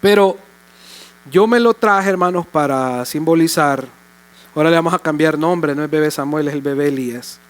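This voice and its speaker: An older man preaching a sermon as pastor in a church, fervent at times and soft and tender at others. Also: a little high, moderate pace.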